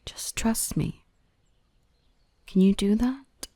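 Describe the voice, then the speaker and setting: In an intimate ASMR roleplay, a woman plays a gentle, nurturing, softly dominant dark elf, speaking close to the mic in a soothing, reassuring voice that often drops to a half-whisper. Her voice is mid-range and slow, and the recording is dry.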